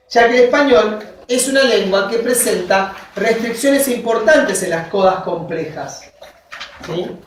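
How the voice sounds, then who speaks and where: A university teacher giving a linguistics lecture, dictating from notes, spelling out examples word by word and checking in with short questions to the class. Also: medium pitch. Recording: very echoey classroom, voice from far off.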